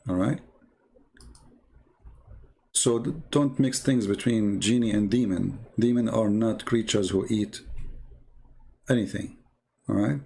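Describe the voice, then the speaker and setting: A religious show host whose first language isn't English gives a casual, explanatory shortwave radio talk, stressing points and repeating phrases like a teacher. His lowish, warm voice is slow, creaky and slightly rough, broken by frequent pauses.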